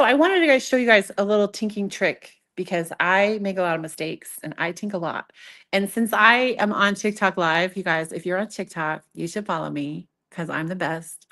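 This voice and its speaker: A woman leads a live, hands-on workshop in a casual voice. She is chatty and playful, interrupts herself often and gently mocks herself as she explains. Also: lowish voice, moderate pace. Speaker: craft instructor demonstrating sock knitting. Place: live in-person event with an audience. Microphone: event microphone.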